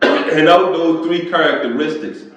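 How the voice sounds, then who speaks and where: Male pastor, casual sermon, slow drawl, heavy room echo. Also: fairly high pitch. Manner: conversational, repeats "you feel me"; clears throat often. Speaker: pastor and podcast host. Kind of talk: casual preaching monologue. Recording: echoey, distant, dull lo-fi sound.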